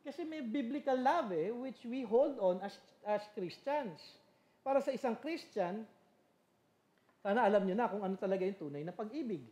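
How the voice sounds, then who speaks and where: A woman's voice: on the high side, lively intonation, moderate pace, mellow. Woman, middle-aged, church seminar speaker, earnest teaching sermon, mixes Tagalog and English, echoey hall. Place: church meeting room.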